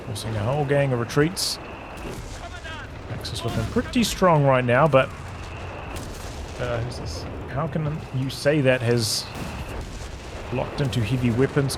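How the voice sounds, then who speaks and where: A man calmly casts a strategy game match, breaking down each move in an easygoing, thinking-aloud way. His voice sits in a middling register. Loud in-game gunfire and artillery play clearly behind him. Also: medium pitch, noisy background. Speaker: game caster. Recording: game battle sounds over the voice.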